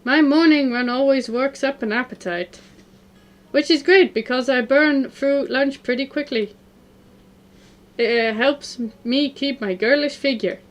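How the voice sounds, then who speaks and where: A woman's voice: high-pitched, unhurried. A woman reading a bubbly teenage girl. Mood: cheerful. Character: cheerful sporty teenage girl.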